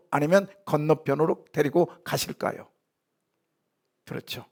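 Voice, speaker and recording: Lively questioning male pastor, higher voice. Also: creaky. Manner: lively, asks the congregation questions and answers them; acts out short quoted lines in sharp voices. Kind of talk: sermon. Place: church sanctuary.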